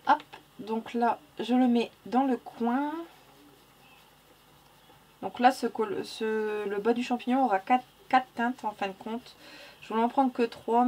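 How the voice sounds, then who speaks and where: A woman with a non-standard French accent chats casually through a narrated coloring tutorial, correcting herself, muttering "hop" as she works and laughing at her slips. Her slightly high, darkish voice keeps fairly even intonation at a measured pace, with slight background noise.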